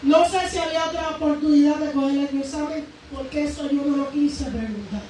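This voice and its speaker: A woman preacher giving a fervent testimony in a sermon, emphatic and swinging between raised and hushed speech. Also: high-pitched, fairly quick. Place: church sanctuary. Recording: very echoey church hall, voice from far off, faint noise.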